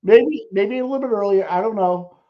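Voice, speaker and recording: A man co-hosting a casual chat, excitable and profane, rambling with restarts. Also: high-pitched, a little fast. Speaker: co-host. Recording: muffled lo-fi stream audio.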